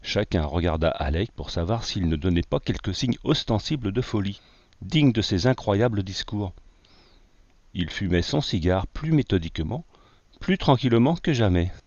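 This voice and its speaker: A male audiobook narrator reading with steady, measured pacing. His voice is low and close to the mic. The dry sound is dulled, as on a lo-fi recording. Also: no echo. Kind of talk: scripted narration of an adventure novel. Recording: dull lo-fi, dry.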